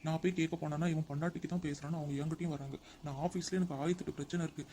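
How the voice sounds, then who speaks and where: A man's voice: a little high, steady tone, very fast, mellow, slight background noise, lightly acted. A man playing a harried husband. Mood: irritated. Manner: exasperated, pleading. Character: harried young husband caught between wife and mother. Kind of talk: comedy sketch acting.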